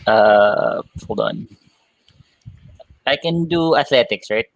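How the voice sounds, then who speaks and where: A player, polite and measured, describing his character's actions in the third person. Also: medium pitch, animated, no room sound. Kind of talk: casual tabletop play.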